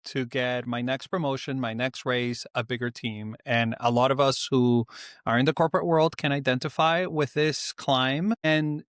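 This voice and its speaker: A middle-aged man from Venezuela, calmly explaining ideas as a guest author in an interview, with small pauses. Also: medium pitch, no echo, clean studio sound. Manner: calm, explanatory, with frequent "uh" pauses. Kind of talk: reflective interview answers.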